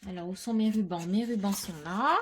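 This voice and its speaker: A woman presenting a casual step-by-step scrapbooking tutorial, chatting as she works and dropping into quiet muttered asides. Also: mid-range voice, brisk, slight background noise.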